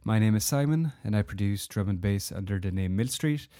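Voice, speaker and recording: A man's voice: fairly low pitch, expressive, fairly quick, mellow, no room sound, studio quality. A man hosting a podcast, talking casually with many filler words, getting over a heavy cold. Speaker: podcast host.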